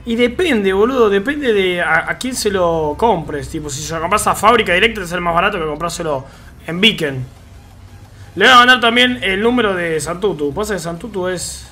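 A man's voice: sits high, sharp tone. A man with an Argentine Rioplatense accent, chatting casually with his live-stream chat in slangy, easygoing talk while he plays a game. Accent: Argentine Rioplatense Spanish. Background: faint game music.

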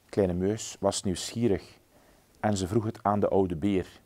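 Mellow man reading a story. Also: sits low, fairly even intonation. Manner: gentle, measured storytelling. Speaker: storybook reader. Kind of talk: children's story read-aloud.

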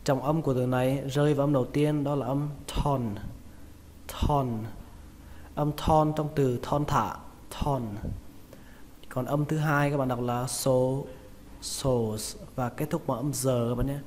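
A man with a Vietnamese accent teaching English pronunciation, repeating each word slowly and stressing its syllables. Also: mid-range voice, steady tone, darkish tone. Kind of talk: pronunciation lesson. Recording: reverberant room with faint noise.

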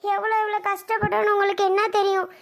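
A woman's voice: very high voice, little pitch movement, fast, gravelly. A woman playing an older mother-in-law who scolds and pleads with her returning family. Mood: reproachful. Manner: scolding, pleading, tearful reproach. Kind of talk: family skit acting.

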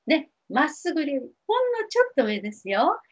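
A middle-aged woman counselor giving gentle, reassuring advice to TV viewers, with many fillers. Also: high voice, big pitch swings, fast talker. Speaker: spiritual counselor answering viewer questions. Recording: dull lo-fi TV audio.

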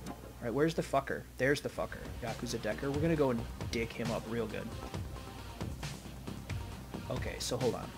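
A man's voice: mid-range voice, moderate pace, gravelly, pauses often. A man giving casual, foul-mouthed and sarcastic let's play commentary as host. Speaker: gaming video host. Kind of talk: casual let's play commentary, reading game text aloud. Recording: game music behind the voice. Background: video game music.

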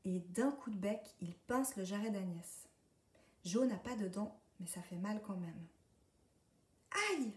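A woman from a library, reading a children's picture book aloud in a calm, gentle voice. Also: mid-range voice, a little slow. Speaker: library storyteller. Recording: echoey room, distant mic.

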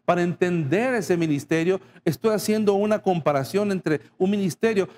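High-voiced pastor preaching. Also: male voice, darkish tone. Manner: addresses the congregation directly, acting out little dialogues. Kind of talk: sermon.

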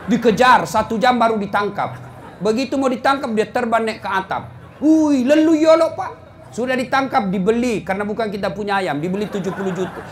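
A middle-aged man preaching a comic sermon to a crowd, swinging from shouts to low mutters as he acts out scenes. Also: a little hiss or hum.

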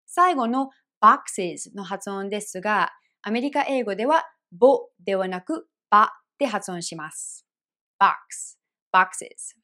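A woman teaching English pronunciation in an online lesson, explaining clearly and repeating example phrases slowly. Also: mid-range voice, lively intonation, sharp tone. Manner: clear, careful explanations with slow repeated demonstrations.

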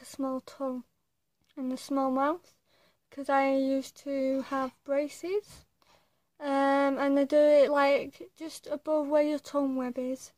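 A young woman with a tongue piercing chats casually to her viewers. Her voice is quite high and fairly even, and she moves slowly, hesitating between short phrases. The sound is close and dry. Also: no echo. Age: young adult. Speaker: vlogger. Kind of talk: casual chat to camera. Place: small attic bedroom, indoors. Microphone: phone or webcam at arm's length.

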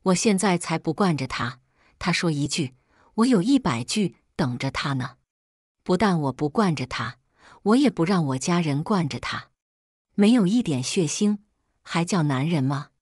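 A woman's voice: on the low side, darkish tone, husky, dry recording, studio quality. A woman reading a first-person family quarrel story in a scripted, dramatic storytelling way.

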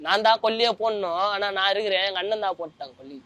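A man's voice: high voice, rapid-fire, sharp tone. A young man, giving a colloquial personal account as a former prisoner, often trailing off as he searches for words. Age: young adult.

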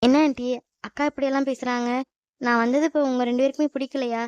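A woman's voice: high-pitched, fairly even intonation, fast, a little mellow, clean tone, no echo, dull audio, lightly acted. A woman voicing a sweet, sulky young woman in a cartoon, speaking in a pouty way. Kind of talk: animated cartoon dub.

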